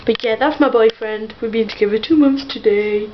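A woman's voice: fairly high pitch, moderate pace, dull audio, a little hiss or hum. Giggly young woman rambling to her webcam. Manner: chatty, giggly, wandering with filler and asides. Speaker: vlogger. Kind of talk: rambling casual vlog. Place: her bedroom.

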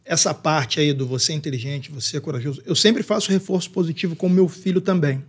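Husky Brazilian male podcast host. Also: a little high, fast talker. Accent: Brazilian Portuguese. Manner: polite, chatty interviewer with frequent affirmations. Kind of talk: conversational interview.

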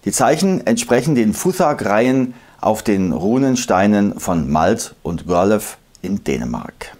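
A man narrating a scripted history lesson, explaining emphatically and slowing down to recite old verses. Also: fairly low pitch, big pitch swings, darkish tone. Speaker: history video host.

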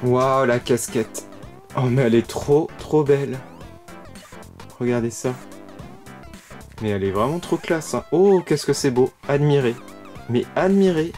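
A man's voice: medium pitch, unhurried, pauses often, a little mellow. A man giving casual unboxing commentary as a toy vlogger, gushing with frequent delighted exclamations. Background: background music.

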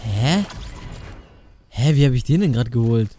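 A young adult man hosting a gaming video, talking casually and playfully in youth slang with an excitable manner. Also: mid-range voice, a little slow. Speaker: gaming video creator and host. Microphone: studio condenser microphone up close. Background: faint music.

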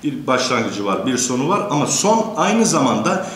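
A man giving a courteous academic lecture, pausing often with drawn-out fillers and addressing the teachers in his audience. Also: mid-range voice, big pitch swings. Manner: hesitant, many drawn-out fillers. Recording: echoey lecture room.

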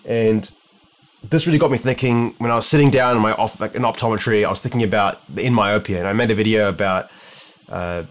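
In his home living room, a young optometrist with a New Zealand accent vlogs to a camera held close, his voice fairly low and fast. He muses and rambles casually, often breaking off and restarting sentences as he thinks things through.

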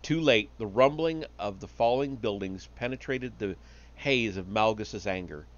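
A man reading a story aloud on a live stream, steady but with small slips and restarts. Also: lowish voice, measured pace, muffled recording.

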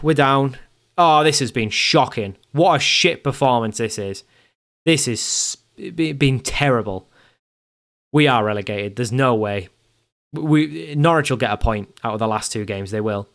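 A man's voice: lowish voice, a bit bright. A young man giving casual commentary over a football management game, exasperated and repeating himself as he talks to himself. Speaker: gaming YouTuber.

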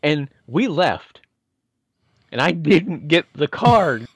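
A man's voice: fairly high pitch, big pitch swings, takes it slowly. A man from Indiana, podcast co-host, telling chatty, winding stories with self-deprecating asides. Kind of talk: casual nostalgic storytelling.

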